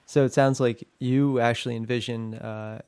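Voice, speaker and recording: A man interviewing a guest, asking measured questions with fillers and pauses. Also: mid-range voice, steady tone, darkish tone, smooth.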